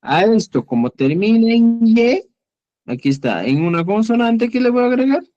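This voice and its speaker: A man teaching an online class, explaining slowly and patiently, often checking that students follow. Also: extremely high pitch, big pitch swings, warm tone, lo-fi sound. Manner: slow, patient, checks understanding with "¿ya?". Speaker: Quechua teacher.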